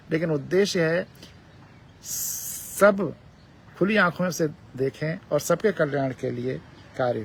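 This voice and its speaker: A man giving a measured spiritual discourse, repeating phrases for emphasis as he explains a teaching. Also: on the high side, creaky, husky. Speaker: spiritual speaker.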